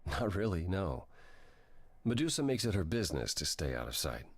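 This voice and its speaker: A man voicing Apollo, a brooding and theatrical male god, speaking game dialogue in a measured, evasive way. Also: sits low, sing-song, slightly rough, heavily acted. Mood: guarded.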